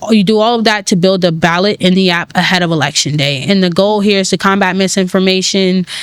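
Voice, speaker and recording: A woman's voice: on the low side, clear, resonant tone, no echo. A woman in her twenties with a New York accent, a tech founder talking casually and energetically as an interview guest. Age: 20s. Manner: energetic, casual, uses slang and fillers. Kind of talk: conversational interview.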